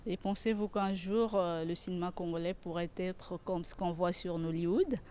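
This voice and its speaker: A woman hosting a cultural magazine show, asking measured questions and reading announcements. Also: on the low side, dark tone, slight background noise.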